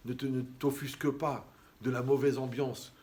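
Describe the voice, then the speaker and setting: A man giving a lively, conversational sermon as a rabbi, who acts out the people he quotes. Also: medium pitch, moderate pace. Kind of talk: animated sermon.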